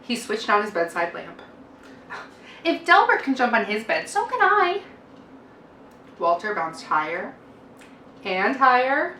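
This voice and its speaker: Here a woman at medium pitch performs a children's picture book in a teacherly way, stressing words expressively and deliberately with a theatrical sing-song lilt. The mic is far away, so the sound is roomy with a little background noise.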